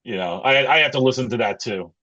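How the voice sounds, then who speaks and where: A middle-aged man talking casually as an interview guest, in a halting, thoughtful, conversational way. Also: mid-range voice, bright, forceful tone, muffled recording. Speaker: interview guest, pro wrestler and wrestling coach.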